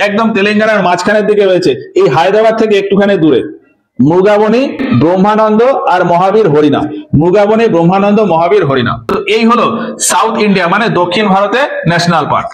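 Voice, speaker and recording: Fast, high-voiced man teaching. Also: a bit bright. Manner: drills names by repeating them. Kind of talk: exam-prep lecture over a map. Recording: echoey room.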